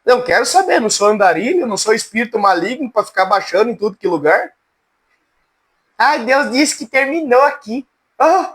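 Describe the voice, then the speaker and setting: A man with a strikingly high, cracked voice leads a relaxed church class. He jokes along in a folksy way and keeps calling on students by name. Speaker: Bible teacher. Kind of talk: informal church class lecture.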